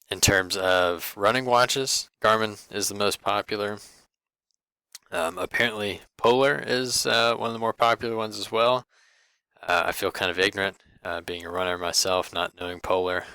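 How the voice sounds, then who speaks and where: A young man giving a class presentation over slides, halting and full of fillers and restarts. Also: lowish voice, fairly even intonation, bright, forceful tone, clean tone, dry recording. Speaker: student presenter.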